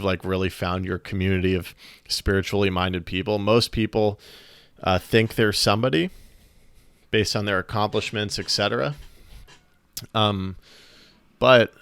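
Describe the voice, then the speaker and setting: Earnest, reflective man, low and smooth. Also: fairly bright tone, no echo, studio quality. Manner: earnest, searching, many restarts and pauses. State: slightly out of breath. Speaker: podcast host. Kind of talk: reflective solo podcast monologue.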